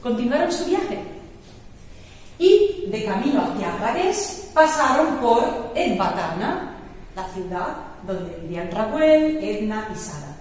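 Woman Bible teacher, animated storyteller, recorded from a distance in a reverberant hall. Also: on the high side, takes it slowly. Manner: lively storytelling. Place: parish church hall. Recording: echoey church hall, mic far off.

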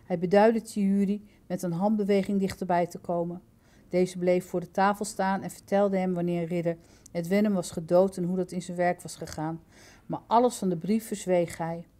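Woman storybook reader, mellow tone, calm and steady. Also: lowish voice, normal speed. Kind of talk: children's book read-aloud.

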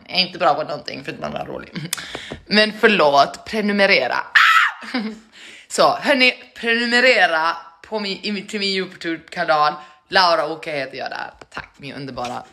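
A woman's voice: deep voice, sharp tone. A woman chatting casually to her live-stream viewers between prank calls, joking and laughing at herself. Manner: chatty, self-mocking, laughs often.

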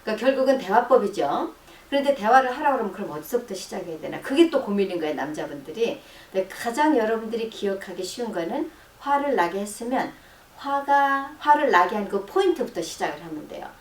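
A middle-aged woman psychologist explaining advice in a radio-style talk, acting out sample lines of dialogue in a softer, lower voice. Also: big pitch swings, brisk. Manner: explanatory, acts out sample dialogue in a soft low voice. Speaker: counseling psychologist giving advice. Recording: roomy, distant, faint noise.

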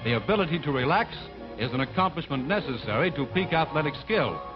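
A man narrates in a formal announcer style, in the manner of an old 1940s newsreel. His voice sits a little high for a man and comes through a dull, lo-fi film soundtrack. A loud music score plays under him the whole time. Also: lively intonation, fast talker. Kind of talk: scripted sports newsreel narration.

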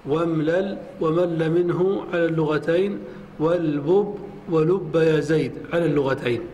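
A man, a sheikh, giving a classroom lecture in a mosque, speaking in a measured way and repeating examples slowly. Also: on the high side, a little mellow. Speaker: sheikh teaching a lesson. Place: large mosque hall. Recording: long hall reverb with faint noise.

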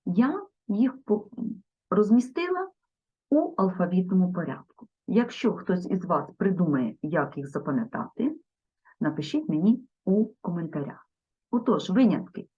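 A woman gives a grammar lesson in a slow, deliberate voice that is slightly husky, with a lively rise and fall in her pitch. She spells out each word form carefully and talks straight to her viewers. The recording sounds dull and lo-fi. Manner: addresses viewers directly. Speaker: teacher.

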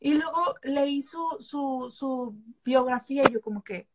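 Woman guest, pretty high voice, playful teasing chat. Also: a little slow, background noise. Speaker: guest on book channel. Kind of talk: casual chat.

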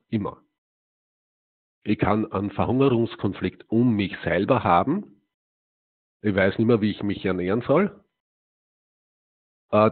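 Low-voiced man lecturing, tinny sound. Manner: emphatic, asks rhetorical questions and answers them; sprinkles in "ja" and hesitant "äh". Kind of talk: live talk to a seated audience. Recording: tinny, phone-like narrow sound.

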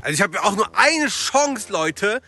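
Man with a high, very bright, gravelly voice, joking through game role-play. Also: big pitch swings, moderate pace. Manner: casual, joking, addresses viewers. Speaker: guest player.

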